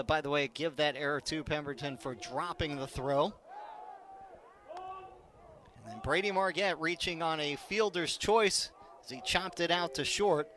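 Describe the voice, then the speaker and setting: Bright and forceful, with a fairly high pitch, a male radio announcer delivers live play-by-play of a baseball game in short, descriptive bursts. A little hiss or hum sits under the recording.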